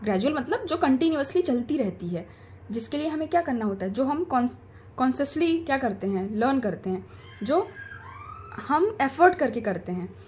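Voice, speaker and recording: A high-pitched woman with an Indian accent gives an exam-prep lesson. She keeps asking questions and then answers them herself. A faint hum of ambience sits behind her. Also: big pitch swings, normal speed, a little mellow. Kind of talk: explanatory lecture.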